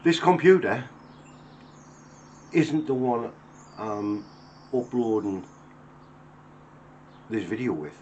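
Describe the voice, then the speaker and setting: A man in his fifties talks to the camera from his home workshop. His voice sits at an ordinary middle pitch, and his speech is plain-spoken and earnest as he reflects. A faint background hum runs under his voice. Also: lively intonation, takes it slowly, pauses often, a little mellow, muffled recording. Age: 50s. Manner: earnest, plain-spoken, acts out everyday dialogue. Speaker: woodworker.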